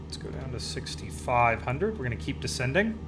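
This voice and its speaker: A man's voice: mid-range voice, very animated, normal speed, background noise. A man chatting casually as a live streamer during a flight game, rambling along in an easygoing, enthusiastic way. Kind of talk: casual chat while playing a flight simulator.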